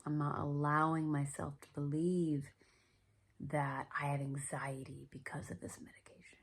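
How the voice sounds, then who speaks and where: A woman hosting a podcast, talking earnestly about her own experience in a soft, reflective monologue that often drops to a whisper. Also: low voice, little pitch movement, normal speed, slight background noise. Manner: earnest and self-reflective, with many fillers. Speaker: podcast host.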